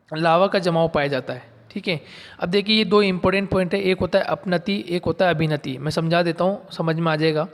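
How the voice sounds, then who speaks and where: A male geography teacher with a fairly high voice, explaining step by step. He often repeats key terms and asks questions that he then answers himself. The sound carries a long, lingering reverb. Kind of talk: classroom lecture.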